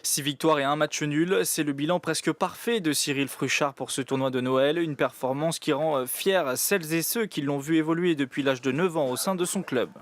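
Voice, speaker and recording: A man narrating a local news report in a clear, paced scripted manner. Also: fairly high pitch, normal speed, few pauses.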